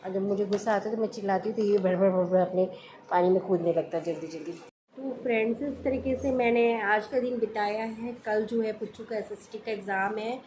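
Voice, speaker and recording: A woman's voice: mid-range voice, fairly quick, a little mellow, a little hiss or hum. A middle-aged woman vlogging casually from home, homely and chatty, now and then lecturing. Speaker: family vlogger. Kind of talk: casual vlog chat.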